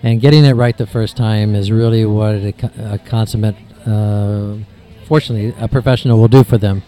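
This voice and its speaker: Male photographer guest, warm dark voice, rambling answers. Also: on the low side, fairly even intonation, fairly quick, faint music behind. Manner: long winding sentences with restarts. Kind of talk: interview answers.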